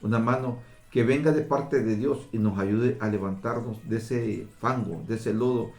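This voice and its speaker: A man delivers a fervent sermon, repeating and stacking his phrases as he calls out to his brothers. His voice sits at an ordinary pitch. The room around him rings with echo. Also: steady tone, normal speed, darkish tone. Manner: fervent, repetitive, addresses listeners as brothers. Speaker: preacher.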